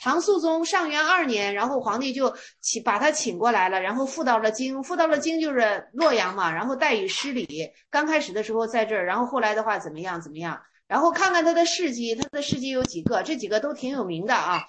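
Woman teacher, high voice, casual chatty lecture, rhetorical questions, retells old stories plainly. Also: sing-song, fast talker, few pauses, fairly bright tone, slight background noise.

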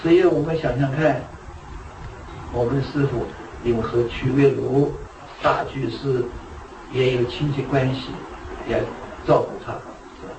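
A man's voice: medium pitch, steady tone, unhurried. Man giving a Buddhist talk from far off. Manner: storytelling, asks rhetorical questions. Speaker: Buddhist teacher. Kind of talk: dharma talk. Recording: echoey room, distant mic, noisy.

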